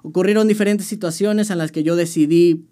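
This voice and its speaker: A man's voice: high-pitched, fairly even intonation, fairly quick, mellow. A young man with a Mexican accent, chatting casually in an interview and telling his story with slang and frequent restarts. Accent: Mexican Spanish. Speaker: musician guest.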